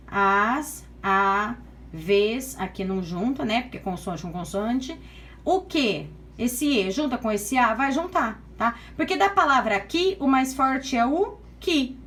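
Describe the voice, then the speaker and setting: A woman's voice: on the high side, fairly bright tone, a little hiss or hum. A Brazilian woman teacher explains a lesson step by step, counting aloud and checking in with "tá?" after nearly every point. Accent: Brazilian Portuguese. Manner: patient, step-by-step, frequent "tá?" checks. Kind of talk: online class lecture.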